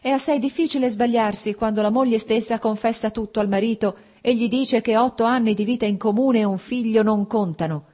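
A woman's voice: mid-range voice, expressive, normal speed, darkish tone, voice pushed up, close to an everyday voice. A woman reading the part of a cold, formal husband in an audiobook, speaking in a restrained, clipped way. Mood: bitter. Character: cold, stiff, wounded older husband.

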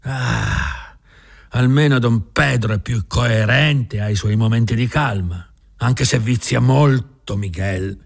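A man's voice: medium pitch, slow pace, vocal fry, voice pushed up. A man reading an audiobook voices a worried older ranch foreman who frets and sighs. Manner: worried, sighing.

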